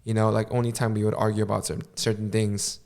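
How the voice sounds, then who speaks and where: A man's voice: lowish voice, little pitch movement, quick pace, creaky, darkish tone. A man co-hosting a podcast, chatting in an easygoing, hesitant way with many fillers. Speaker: podcast co-host. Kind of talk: casual chat.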